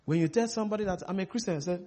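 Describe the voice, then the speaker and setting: High-voiced emphatic male preacher. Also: rapid-fire, mellow. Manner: emphatic, repeats phrases, many "you know" fillers. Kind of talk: preached sermon with interpreter.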